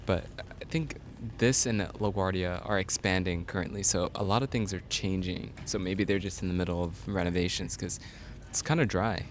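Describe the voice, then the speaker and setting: Male travel vlogger, easygoing and rambling, fairly low voice, recorded on a handheld camera mic. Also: steady tone, normal speed, few pauses, slight background noise. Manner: chatty, easygoing, rambling with fillers. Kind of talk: casual travel vlog talk to camera. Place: airports, planes and a shuttle bus. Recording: background music under the voice. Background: music.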